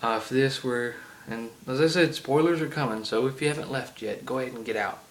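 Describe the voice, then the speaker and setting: Medium in pitch and a little fast, a heavily Southern-accented man rants casually about a game, drifting into side tangents and saying um a lot. He's a chatty gaming vlogger filming on an iPod camera.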